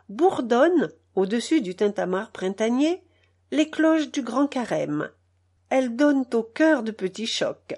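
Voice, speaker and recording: A woman reading a novel aloud as an audiobook narrator, measured and expressive. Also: on the high side.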